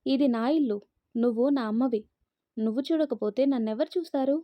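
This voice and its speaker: A woman's voice: high-pitched, moderate pace, dry recording, highs cut off, close to an everyday voice. Woman reading as a hurt defensive daughter. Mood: resentful. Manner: pleading, resentful.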